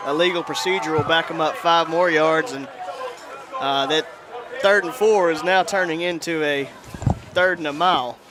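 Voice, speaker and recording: A man's voice: fairly high pitch, fairly even intonation, normal speed. A man giving live play-by-play commentary at an outdoor football game, with energy that rises on big plays. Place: outdoor high school stadium. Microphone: headset. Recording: crowd noise behind.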